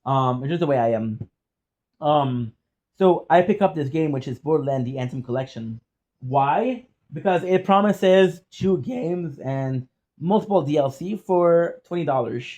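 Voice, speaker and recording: A man with a French accent telling personal stories in a casual, rambling vlog style, often halting to repeat and correct himself. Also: a little high, expressive, a little mellow, highs cut off. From France or French-speaking region. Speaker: content creator.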